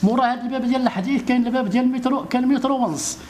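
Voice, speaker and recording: Moroccan guy pleading into a reporter's mic, talks super fast, keeps repeating himself. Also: very high voice, darkish tone, slight background noise. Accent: Moroccan Arabic. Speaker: citizen appealing for help. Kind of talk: street interview complaint.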